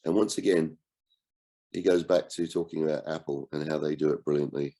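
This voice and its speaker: A man with a cold and a croaky voice, hosting an online book discussion in a relaxed way and asking his group questions. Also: a bass voice, fairly quick. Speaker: book club host and coach.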